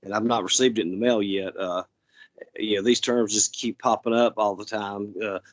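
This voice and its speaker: A man chatting casually as an interviewer, giving opinions in a halting, stammering way with repeated words. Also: lowish voice, steady tone, no echo.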